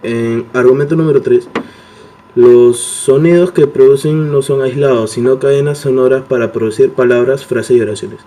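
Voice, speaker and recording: A man's voice: mid-range voice, steady tone, normal speed, mellow, a little hiss or hum. Young man presenting in class. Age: young adult. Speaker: university student presenter.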